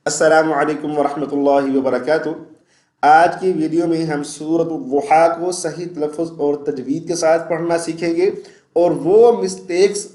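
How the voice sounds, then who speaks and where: A man teaching Quran pronunciation, explaining quickly and reciting verses slowly and melodically, often asking "okay?". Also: on the high side, fairly even intonation, a little mellow, roomy sound. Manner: often checks in with "okay?" and "theek hai?". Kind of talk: tajweed lesson with melodic recitation.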